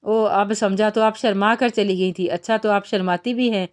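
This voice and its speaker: A woman's voice: mid-range voice, fairly even intonation, normal speed, lightly acted. A woman reading the part of a young army major who teases and sweet-talks the girl he loves. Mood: teasing. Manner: teasing, affectionate. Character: young man, an army major, tender and teasing lover.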